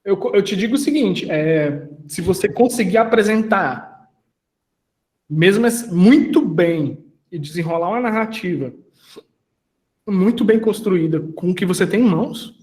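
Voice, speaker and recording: A man's voice: sits high, expressive, measured pace, a little mellow, echoey room. A man mentoring an online audience in a casual, slangy talk, asking them questions as he goes.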